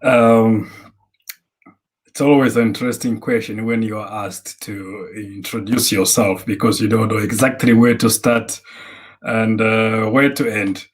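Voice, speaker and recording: A man's voice: fairly low pitch, fairly even intonation, a little slow. A middle-aged man from Rwanda, answering interview questions thoughtfully with frequent hesitations. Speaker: interview guest. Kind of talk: measured conversational answers.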